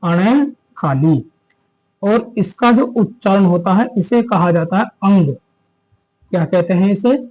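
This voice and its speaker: High-voiced man teaching grammar. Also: animated, a little mellow, rough recording. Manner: repeats key terms as questions to students; slows down to stress terms. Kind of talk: exam-prep grammar lesson.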